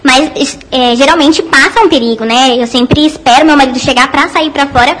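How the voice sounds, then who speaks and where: A woman's voice: high-pitched, normal speed, a bit bright, slight background noise. A woman who works downtown, speaking hesitantly in an anonymous interview, her voice disguised by a voice changer. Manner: hesitant, many filler sounds. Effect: voice altered by a voice changer. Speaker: shop employee.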